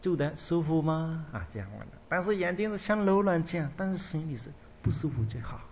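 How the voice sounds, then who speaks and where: A man with a fairly high voice gives a dharma talk as a Buddhist monk, circling back over his points with emphatic, homely phrasing. The recording is dull and lo-fi, with a faint low rumble underneath. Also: big pitch swings, fast. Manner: rambling, repetitive, emphatic, colloquial phrasing.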